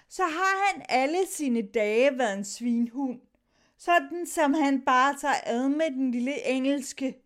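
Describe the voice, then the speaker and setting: A woman with a high-pitched voice reads a sailors' story aloud. She shifts her tone as she moves between the sailors' lines. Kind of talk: dramatic reading of a sea story.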